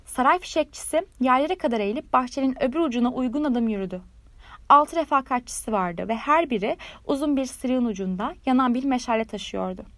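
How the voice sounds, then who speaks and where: A woman reading a fairy tale aloud in a measured, lively storytelling manner. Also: high-pitched, no echo.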